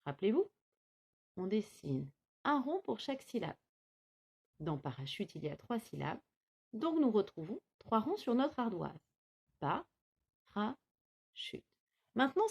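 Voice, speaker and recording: A woman teaching a phonics lesson to small children, sounding out each word syllable by syllable. Her voice sits a bit high and swings up and down a lot. She speaks very slowly and carefully. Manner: slow, clearly articulated, syllable by syllable. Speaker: kindergarten teacher. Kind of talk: recorded remote phonics lesson for young children.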